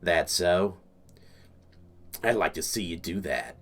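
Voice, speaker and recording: A rough, deep-voiced old grandma who sounds like she's smoked for decades, as a man puts her on. She talks gruff and menacing, relishing the thought of a fight, in a game voiceover. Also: lively intonation, takes it slowly, fairly bright tone, heavily acted. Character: tough old grandma, rough, violent, chain-smoking.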